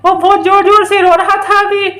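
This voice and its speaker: A woman voicing a cruel child-eating witch in a doll play story, with slow, gloating threats. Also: very high-pitched, level tone, fairly bright tone, roomy sound.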